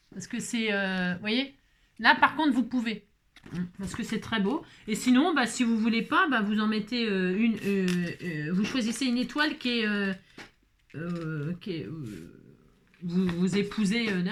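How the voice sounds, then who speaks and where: A woman's voice: a little high, a bit bright. A woman hosting a casual crafting tutorial, chatting and rambling with many filler words as she works.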